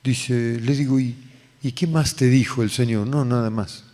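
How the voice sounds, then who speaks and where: A man's voice: medium pitch, steady tone, normal speed, warm tone. Argentine pastor guy telling his story in a sermon, acts out the dialogue, echoey hall. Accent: Argentine Spanish. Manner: storytelling, acting out dialogue with raised voice. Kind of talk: sermon testimony. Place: church hall. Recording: long hall reverb.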